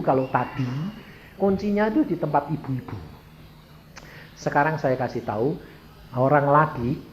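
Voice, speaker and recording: A male preacher with a Javanese accent, telling a story in a sermon and acting out the dialogue, jumping from loud, high outbursts to quiet, low asides. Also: a little hiss or hum, rough recording. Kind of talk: sermon with acted-out anecdote.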